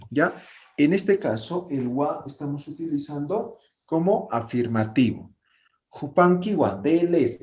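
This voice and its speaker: A man's voice: mid-range voice, a little mellow, slight background noise. A man teaching a language class online, explaining patiently and often checking that his students follow.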